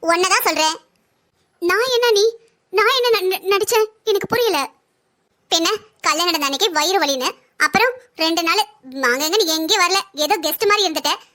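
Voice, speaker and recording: A woman voicing a bossy, sharp-tongued older sister-in-law who taunts and scolds in a cartoon family story. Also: extremely high pitch, a little fast, long pauses. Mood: scolding.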